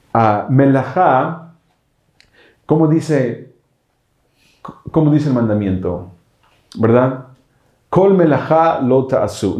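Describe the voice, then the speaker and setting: A man's voice: mid-range voice, warm tone, reverberant. A man teaching a congregation, explaining Hebrew words step by step and often asking his listeners whether they follow. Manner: explanatory, checks understanding with frequent rhetorical questions. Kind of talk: bilingual Bible teaching.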